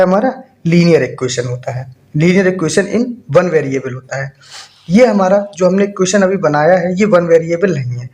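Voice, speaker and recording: A man's voice: sits high, darkish tone. A man teaching a maths lesson in Hindi-accented speech, often asking the class a question and then answering it himself. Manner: asks rhetorical questions and answers them himself.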